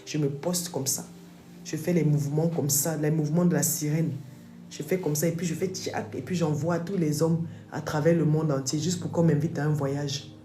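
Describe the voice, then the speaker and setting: A woman's voice: low-pitched, fairly even intonation, normal speed, mellow. A woman giving a religious testimony, telling her story with animation and acting out the voices she heard. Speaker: testimony speaker. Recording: echoey room with faint music.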